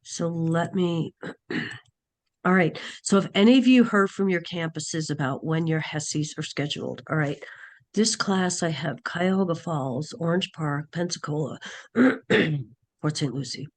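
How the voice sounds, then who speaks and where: A woman instructor with a raspy, hoarse voice from a cold, leading an online class in a halting way, thinking aloud over a video call. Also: low-pitched.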